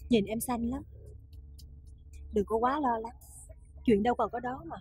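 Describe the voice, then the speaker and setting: An actress in a Vietnamese TV drama, shrieking for help in panic in some scenes and talking calmly in others. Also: female voice, on the high side, measured pace, slightly rough, no echo, soft background music. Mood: reassuring.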